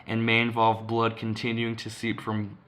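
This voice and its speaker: Young male podcast co-host, lowish voice, rambling storyteller who swears freely and says "like" constantly. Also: monotone, moderate pace, fairly bright tone. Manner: rambling, swears a lot, many "like" fillers. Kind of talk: casual storytelling chat.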